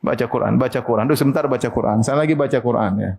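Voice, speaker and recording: A man's voice: mid-range voice, racing, gravelly, a little mellow. A man giving an Islamic religious lecture in a casual, conversational way, often tagging sentences with "ya" and acting out the people in his stories. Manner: conversational, with frequent "ya" tags and laughter; acts out quoted voices in storytelling. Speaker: preacher.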